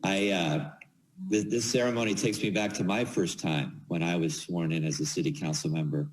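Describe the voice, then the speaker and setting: A man giving informal ceremonial remarks as an official, halting and repeating words as he goes. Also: rumbling low, poor audio. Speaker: official speaking at swearing-in ceremony.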